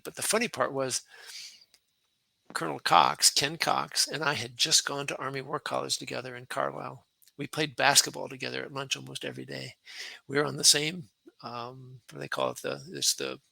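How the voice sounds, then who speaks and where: A man in his sixties, a retired colonel, telling lively stories as a podcast guest and acting out quotes with laughs. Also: mid-range voice, vocal fry, no room sound, rough recording. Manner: animated anecdotes with laughs and acted-out quotes. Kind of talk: conversational war storytelling.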